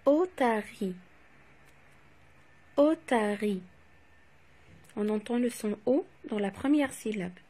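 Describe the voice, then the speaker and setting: A woman teacher slowly correcting phonics exercises, saying each word twice and spelling out letters. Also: on the high side, dark tone. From Morocco. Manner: repeats each word twice, stressing sounds. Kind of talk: slow, clearly articulated classroom dictation.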